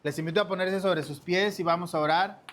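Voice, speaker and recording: A man's voice: high voice, steady tone, a little fast, fairly bright tone. A man teaching a church discipleship lesson in an earnest sermon style, often addressing his listeners as brothers and sisters.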